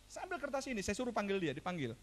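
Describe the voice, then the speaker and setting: A man preaching a sermon as pastor, telling stories in a conversational way with rhetorical questions, dropping to a hush and then rising loud. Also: high-pitched, rapid-fire. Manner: animated storytelling, swinging from hushed to loud.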